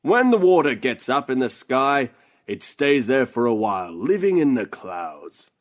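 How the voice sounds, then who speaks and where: Casting: cheerful know-it-all professor for a kids' audio show, broad singsong theatre delivery, very lively pitch, unhurried. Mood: playful teaching. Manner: broad singsong children's-theatre delivery, sounding words out slowly. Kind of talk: children's story podcast acting.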